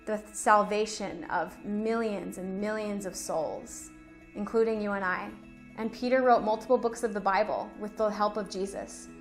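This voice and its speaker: A woman teaching a children's Bible lesson with enthusiastic, expressive storytelling. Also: medium pitch.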